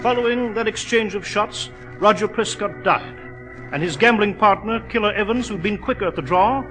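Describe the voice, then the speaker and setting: A genteel English doctor and storyteller in a 1940s radio mystery. His voice sits quite high and is easily unnerved. Music plays faintly on the old broadcast. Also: a bit bright, low-quality recording.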